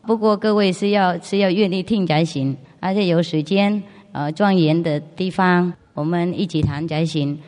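A woman's voice: fairly low pitch, normal speed, few pauses, a little mellow. A woman with a foreign accent speaks simple, non-native Mandarin as a spiritual master answering questions informally, often with rhetorical questions. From outside China. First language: not Mandarin. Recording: long reverb of a large hall.

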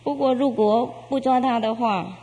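A woman telling a spiritual parable in a casual, meandering way with many fillers and soft chuckles. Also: a little high, moderate pace. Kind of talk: casual storytelling. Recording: long hall reverb.

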